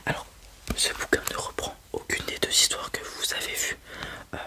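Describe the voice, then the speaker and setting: A person doing an ASMR whispered role-play as a helpful librarian, speaking in a soft, breathy library whisper. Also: normal speed. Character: helpful librarian recommending children's books to a parent.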